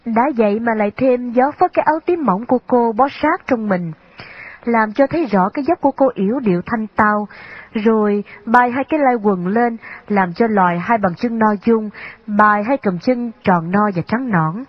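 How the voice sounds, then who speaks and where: A woman narrating a storybook in an even, unhurried reading manner. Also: on the high side, slightly rough. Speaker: audiobook narrator. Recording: slightly dull, dry lo-fi recording.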